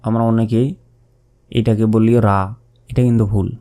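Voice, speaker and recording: A mellow male voice of medium pitch and moderate pace leads a gradual lesson on pronouncing Arabic letters. Each sound is drawn out, repeated, and patiently explained.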